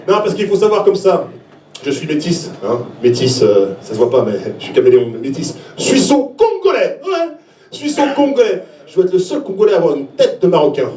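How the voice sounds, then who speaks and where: A Swiss man in his forties does stand-up on a small indoor open stage, his high voice picked up by a distant mic in an echoey live room with background noise. He's animated and exclamatory, acting out little scenes and reactions and talking straight to the audience.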